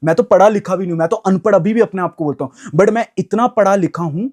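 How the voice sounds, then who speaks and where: A man's voice: high voice, fast talker, a little mellow. A young man giving an emphatic, repetitive opinion rant to camera as a vlogger, mixing in English phrases.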